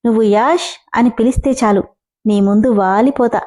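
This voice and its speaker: A playful, clingy young woman who pleads and coaxes in a high voice, as a woman narrator puts her on. Her tone stays soft and mellow. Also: moderate pace, natural voice. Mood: coaxing. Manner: pleading, coaxing.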